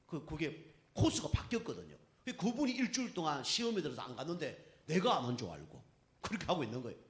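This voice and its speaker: A man preaching a sermon as pastor, telling a personal story in a lively way and acting out what others said. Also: a little high, fast. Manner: animated storytelling, voicing others in quotes. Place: church sanctuary. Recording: echoey church hall.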